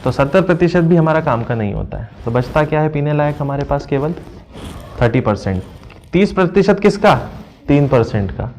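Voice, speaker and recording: A man leads an exam-prep lesson, going through answers step by step, posing questions he answers himself, and reading phrases slowly before translating them. His voice sits on the high side, animated and a little mellow, with a slight hiss or hum.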